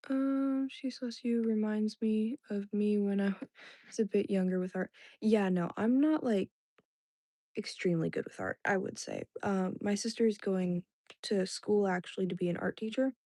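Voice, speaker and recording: In a medium-pitched, warm voice at normal speed, a young streamer who grew up speaking Indonesian rambles through casual talk with her chat. Her speech is packed with "like"s, fillers and restarts, recorded in studio quality with no echo.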